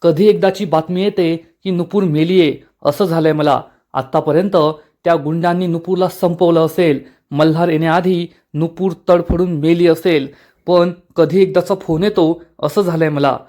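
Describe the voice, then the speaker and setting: एक पुरुष कटकारस्थानी, सूडबुद्धीच्या खलनायिकेच्या ओळी वाचतो. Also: male voice, fairly high pitch, fairly even intonation, normal speed, dark tone, lightly acted. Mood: scheming. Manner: spiteful, impatient, raging. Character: scheming vengeful young woman villain.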